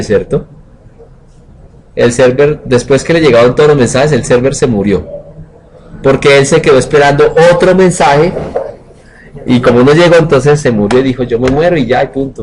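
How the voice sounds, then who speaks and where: A man's voice: medium pitch, low-quality recording. A man teaching programming in a live coding lecture, joking, colloquial and asking the class questions.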